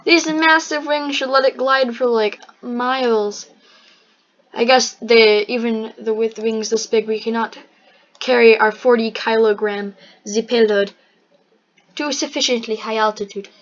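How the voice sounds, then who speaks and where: A woman with a fairly high voice commenting on her own game session. She talks in a wry, mock-formal tone, now and then slipping into joke accents. The recording is muffled and lo-fi, like a cheap home microphone. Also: fairly even intonation, measured pace. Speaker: gameplay narrator. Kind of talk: gameplay commentary. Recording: dull lo-fi microphone.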